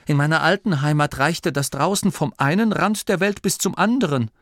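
A man playing a calm young gnome leader. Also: on the high side, moderate pace, no echo, clean studio sound, pitched above the performer's own voice, lightly acted. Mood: matter-of-fact. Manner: patient, explaining. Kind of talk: audiobook character voice.

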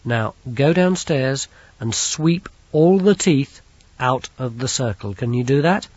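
A man voicing a stern, no-nonsense young governess who speaks in crisp, clipped commands. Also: medium pitch, animated, slow pace, a little mellow, no echo. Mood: brisk. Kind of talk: audiobook character voice. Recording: dull lo-fi recording.

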